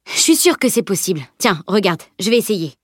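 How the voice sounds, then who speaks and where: A woman reading a cheeky, boastful teenage boy in an audiobook, with lively, playful delivery. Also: medium pitch, a little fast, no room sound, studio quality.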